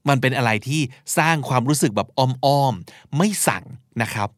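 A man's voice: mid-range voice, expressive, normal speed, no echo, clean studio sound. A man hosting a podcast, teaching and explaining vocabulary, spelling out words and acting out short examples. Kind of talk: explanatory language lesson talk.

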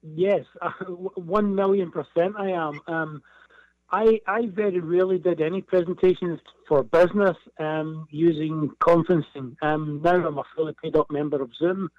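A man with a broad Scottish accent talks as an interview guest in a fairly high voice. He chats conversationally and doubles back on words for emphasis. The sound is dry and a little dull, like a lo-fi call. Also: fairly even intonation, normal speed, no room sound. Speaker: business guest.

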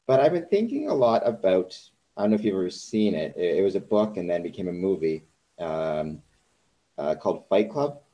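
A man's voice: low-pitched, very animated, normal speed, warm tone, highs cut off. A man hosting a podcast interview, talking in a hesitant way with many ums and restarts. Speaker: podcast host. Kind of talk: conversational interview.

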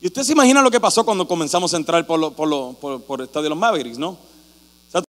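A man preaching a sermon as pastor, telling a story animatedly and acting out shouting crowds. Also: fairly high pitch, very fast. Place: church hall. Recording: reverberant hall with mains hum.

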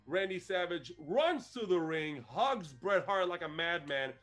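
A man casually recapping an old wrestling show as podcast co-host, animated and laughing often. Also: high-pitched, unhurried, faint music behind.

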